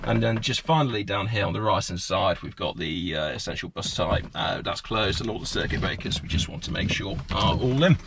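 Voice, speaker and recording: In the cockpit of a small turboprop aircraft, a man presenting as a pilot methodically talks through hands-on checks item by item. His voice is low, fairly quick, with few pauses, and the muffled audio carries clear aircraft noise.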